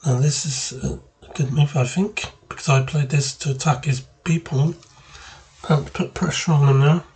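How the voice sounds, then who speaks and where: A man giving casual move-by-move commentary on his own chess game, thinking aloud and pausing mid-phrase. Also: on the high side, fairly even intonation, darkish tone.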